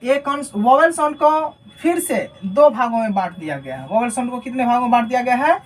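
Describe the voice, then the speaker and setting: A woman with a slightly high voice teaches a class at a board. She drills each point by repeating it and asks questions that she answers herself. She keeps checking that the students are following. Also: expressive, fast, soft background music. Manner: often adds a checking "right?" tag. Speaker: English teacher. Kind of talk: classroom lesson explaining phonetics.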